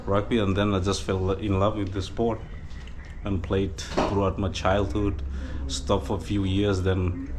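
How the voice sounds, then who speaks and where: Very noisy surroundings frame this low, monotone and slightly slow voice. It belongs to a Danish vlogger in his twenties, whose accent has a Fijian tinge, casually and haltingly answering viewer questions with lots of fillers at a village gathering in Fiji.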